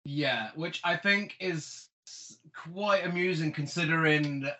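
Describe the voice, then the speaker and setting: A man's voice: a little high, slow, bright, forceful tone. A man hosting a film podcast, mixing casual chat with recap of the story.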